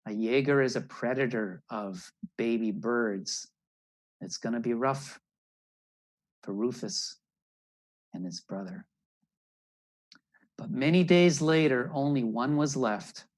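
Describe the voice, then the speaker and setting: Speaking slowly at medium pitch and pausing often, an older naturalist reads a children's picture story and explains it. The recording comes from a video call indoors, through the computer mic.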